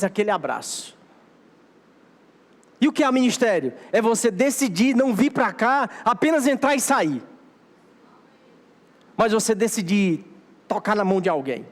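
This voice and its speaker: A man's voice: sits high, expressive, normal speed. A Brazilian Portuguese-speaking man preaching a sermon as pastor, exhorting his church in a repeating, emphatic cadence. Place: church sanctuary. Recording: long hall reverb of a church.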